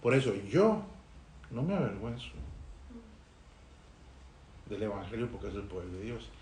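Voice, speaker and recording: A man's voice: fairly low pitch, sing-song, darkish tone, a little hiss or hum. Guy musing on faith in a group study, stops and restarts a lot, echoey room. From Costa Rica. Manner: thoughtful, pauses and restarts. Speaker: missionary sharing in a Bible study. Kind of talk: reflective group discussion. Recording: roomy recording.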